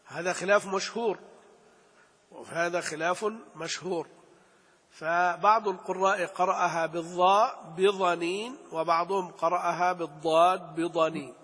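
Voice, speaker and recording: High husky male tajweed teacher. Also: a bit bright, long reverb tail. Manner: slow, repeats key phrases, chants verses. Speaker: Quran recitation teacher. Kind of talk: religious lesson on tajweed.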